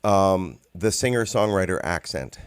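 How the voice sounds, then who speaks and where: Male songwriter co-host, low voice, rambling and chatty, dry close sound. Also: animated, unhurried, clear, resonant tone, no room sound. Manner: rambling storyteller, many ums and restarts. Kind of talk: casual conversation.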